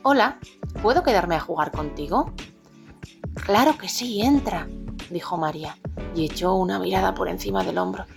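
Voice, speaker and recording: A woman co-hosting a parenting podcast, reading a children's story aloud with lively, expressive voices for the characters. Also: mid-range voice, moderate pace, creaky, pauses often. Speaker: podcast co-host. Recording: music playing faintly behind.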